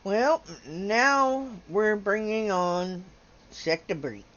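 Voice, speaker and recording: Woman host, unhurried game-stream chatter, laughs a lot, slightly muffled sound. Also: mid-range voice, lively intonation, fairly bright tone, a little hiss or hum. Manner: chatty, laughs often, stumbles over names. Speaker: livestream host. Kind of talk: casual game livestream commentary.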